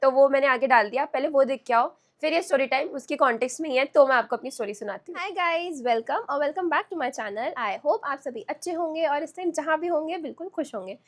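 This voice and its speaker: A woman vlogger with a hoarse voice, talking in a chatty, animated way at home. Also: high voice, brisk, few pauses. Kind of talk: casual storytime vlog. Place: at home, indoors.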